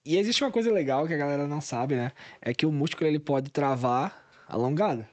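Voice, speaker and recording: A man's voice: a little high, animated, quick pace. A man, a guest on a podcast, explaining physiotherapy in technical, step-by-step talk.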